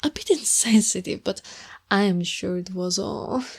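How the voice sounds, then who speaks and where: In this ASMR roleplay, a woman from Italy plays a possessive, obsessive goth girlfriend, soft and cooing with a sweet menace and many whispers. Her mid-range voice is husky with vocal fry, and her pace is a little slow.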